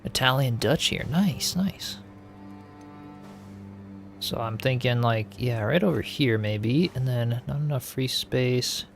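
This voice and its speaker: A man streaming a game talks slowly in a gravelly, medium-pitched voice while faint music plays behind him. He chats casually, reads viewer comments, and muses in an easygoing way, his sentences often trailing off.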